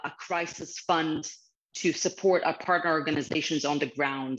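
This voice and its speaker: A woman in her thirties with a Ukrainian accent, speaking earnestly and from the heart as a guest speaker over a video call from a small office. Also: low-pitched. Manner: earnest, heartfelt, slightly non-native phrasing. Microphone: video call webcam. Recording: slightly muffled video call audio.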